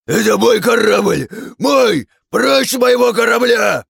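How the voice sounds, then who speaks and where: Raspy bellowing pirate captain. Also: male voice, very high-pitched, animated, slow, a bit bright, no room sound, shouting, studio quality, voice pushed up, exaggerated voice. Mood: raging. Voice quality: raspy, gravelly. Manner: bellowing, hysterical outbursts. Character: brutish hot-headed male pirate captain. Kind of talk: audiobook character voice.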